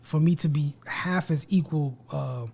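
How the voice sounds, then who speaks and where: A man hosting a casual podcast chat, joking and swearing, speaking softly into a close mic. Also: on the high side, unhurried, creaky, breathy edge. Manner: joking, profane, talks quietly and projects for the mic. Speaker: podcast host.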